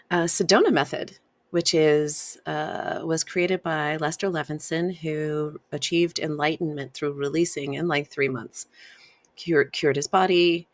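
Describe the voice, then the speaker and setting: A woman hosting a wellness podcast, gently guiding listeners through emotional release steps, laughing and sighing often. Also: low-pitched, no echo. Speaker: podcast host and wellness coach. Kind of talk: solo podcast teaching.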